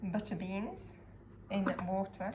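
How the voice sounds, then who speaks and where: A woman's voice: medium pitch, lively intonation, slow pace, a little mellow. A woman hosting a casual home cooking demonstration with dry humour. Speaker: cooking show host. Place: home kitchen. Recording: home kitchen with clear background noise.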